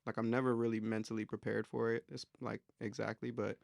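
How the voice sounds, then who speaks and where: A man's voice: mid-range voice, little pitch movement, brisk, vocal fry, no room sound, studio quality. A young man hosting a casual interview, easygoing and reflective, laughing often as he asks questions. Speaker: interviewer, host.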